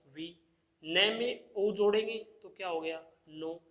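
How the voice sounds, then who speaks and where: A man's voice: high voice, slow pace. A male teacher giving an exam-prep grammar lesson, who asks the class questions and answers them himself, repeating the key terms. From India.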